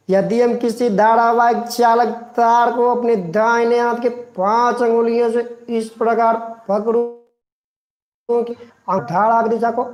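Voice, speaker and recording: A male teacher giving a live online class, repeating each phrase slowly and coaxing students to recite along. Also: extremely high pitch. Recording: roomy echo.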